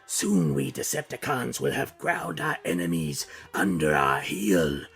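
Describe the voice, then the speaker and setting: A man's voice: deep voice, gravelly, a bit bright, breathy edge, heavily acted. A man voicing a malevolent, grandiose robot warlord in a comic book reading, with a menacing delivery.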